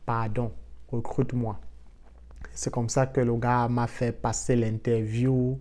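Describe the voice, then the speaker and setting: African guy vlogging, chatty story time, lively, tosses in english words, mid pitch. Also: a little slow. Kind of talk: casual storytelling.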